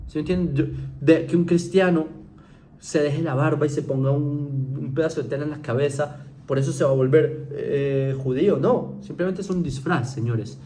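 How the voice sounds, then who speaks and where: Guy lecturing casually to his viewers, keeps checking they follow, voice a little high, faint hiss behind. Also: moderate pace, dark tone. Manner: conversational, keeps asking "¿sí?" to check understanding; frequent fillers and restarts, mocking mimicry. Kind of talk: informal recorded lecture to viewers.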